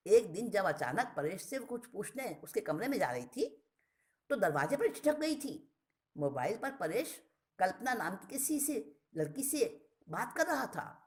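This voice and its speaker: Expressive woman reading a story. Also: mid-range voice. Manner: expressive, restates words with synonyms. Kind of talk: reading a short story aloud.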